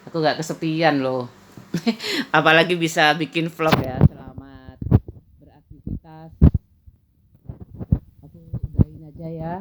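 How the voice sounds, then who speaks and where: A woman's voice: sits low, a little slow, long pauses, very noisy. A middle-aged woman, chatting casually at home in a rambling vlog and laughing often. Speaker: vlogger.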